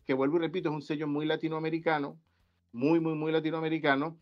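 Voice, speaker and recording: A man in his forties speaks on an academic video-call panel, his voice sitting a little high for a man. He talks haltingly, circling back through restarts and fillers. The call audio is dull and lo-fi. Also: little pitch movement. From Venezuela. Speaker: guest researcher. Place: indoor room.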